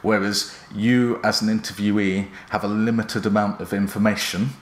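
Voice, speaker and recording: A man presenting instructional career advice in a measured, earnest, explanatory manner. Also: fairly low pitch, fairly even intonation. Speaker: presenter giving job interview advice. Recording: roomy echo around the voice.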